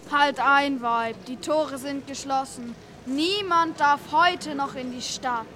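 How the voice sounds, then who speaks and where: A woman's voice: high-pitched, slow pace, sharp tone, a little hiss or hum, exaggerated voice. A woman playing an officious medieval town gatekeeper in an audio play, with a declamatory delivery. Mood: stern. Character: stern, officious town gatekeeper of olden times. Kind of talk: German audio play for children.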